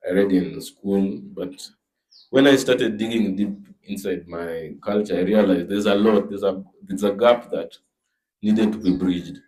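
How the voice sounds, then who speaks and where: Kenyan man, deep voice, measured, plainspoken, panel guest. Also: warm tone, poor audio. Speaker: comic artist guest. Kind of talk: panel discussion.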